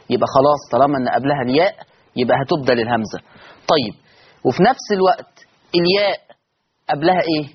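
Egyptian male recitation teacher, quick and husky, drills by repetition, muffled lo-fi sound. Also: a little high. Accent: Egyptian Arabic. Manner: repeats points, asks and answers his own questions. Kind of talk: didactic lesson.

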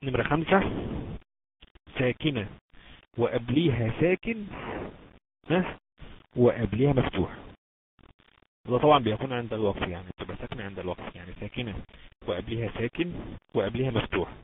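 A man with an Egyptian Arabic accent teaching Quran recitation rules in an online lesson, drilling points patiently and stretching out example words slowly. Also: medium pitch, lively intonation. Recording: tinny phone-like line with background noise.

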